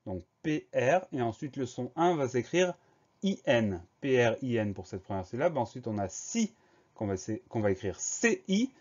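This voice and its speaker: A male teacher giving a spelling lesson for primary pupils, spelling words out slowly letter by letter. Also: medium pitch, very animated, a little mellow. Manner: slow, careful letter-by-letter spelling. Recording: slightly dull lo-fi recording.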